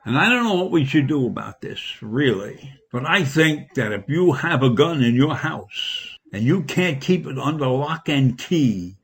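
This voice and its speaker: A man giving an indignant opinion monologue as a commentator, his pitch rising sharply when he stresses a point. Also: big pitch swings, a little slow, few pauses, breathy edge. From United States.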